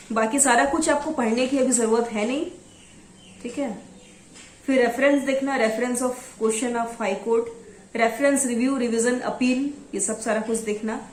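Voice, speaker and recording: A woman from Assam teaching exam preparation, reading out headings slowly and then explaining them. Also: fairly high pitch, reverberant, slight background noise. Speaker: law exam tutor. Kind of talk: exam coaching lesson.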